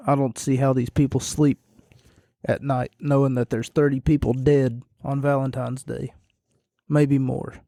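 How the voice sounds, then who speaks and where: In a casual recap, the lone host of a podcast drones on slowly in a low, quiet monotone. His worn, hoarse voice fades, and his dark, mellow tone carries self-deprecating rambles. The sound is dry and close.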